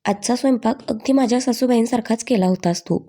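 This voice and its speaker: A woman's voice: a little high, brisk, warm tone, close to an everyday voice. A woman voicing a shrewd, teasing elderly grandmother with a wry, commanding way of talking in a storybook reading. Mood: fond.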